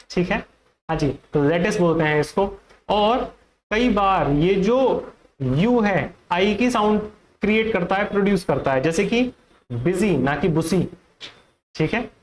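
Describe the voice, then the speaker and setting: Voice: medium pitch, poor audio. A teacher with an Indian accent giving an online pronunciation lesson, repeating each word and asking viewers questions.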